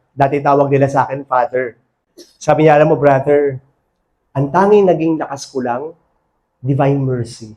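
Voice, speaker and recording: A man's voice: fairly high pitch, darkish tone. A man with a Filipino accent preaching a sermon to a congregation in a church hall, often calling out for an amen. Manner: switches between Tagalog and English, asks for amens.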